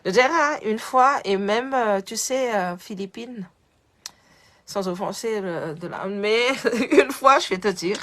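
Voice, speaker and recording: A woman's voice: mid-range voice, measured pace, a bit bright. Woman chatting on her phone live stream. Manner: switches between French and Malagasy, greets viewers by name; lots of restarts and repeated words. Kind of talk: casual live-stream chat. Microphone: phone on a social live stream.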